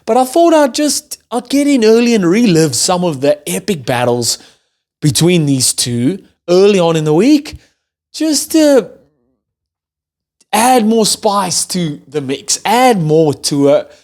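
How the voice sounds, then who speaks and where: Upbeat South African-Aussie rugby vlogger. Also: male voice, high voice, measured pace. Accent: South African with an Australian twang. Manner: enthusiastic, animated, chatty. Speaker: rugby YouTube host. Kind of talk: casual hyped-up commentary to camera.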